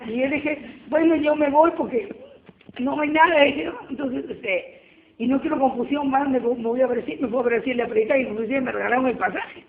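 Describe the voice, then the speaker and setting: A woman, giving a lively church testimony and acting out the dialogue as she tells it. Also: sits high, a little fast. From Peru. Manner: animated storyteller acting out dialogue. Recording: tinny phone-like line with faint noise.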